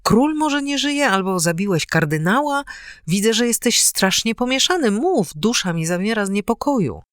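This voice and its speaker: Composed musketeer, calm but worried, woman reading him, dry close sound. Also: medium pitch, normal speed, no room sound, voice pushed up, close to an everyday voice. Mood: anxious. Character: composed older male musketeer, worried friend.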